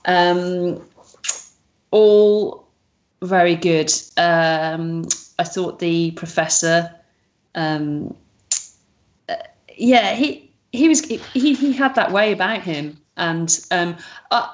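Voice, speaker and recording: A woman's voice: on the low side, very slow, lo-fi sound. A woman in casual podcast chat, who talks hesitantly with many ums and uhs. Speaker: podcast co-host.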